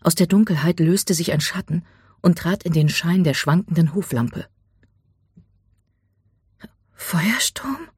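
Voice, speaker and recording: An audiobook narrator reading a dramatic story, dropping to a hush at tense moments. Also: mid-range voice, moderate pace, slightly rough, no echo, clean studio sound.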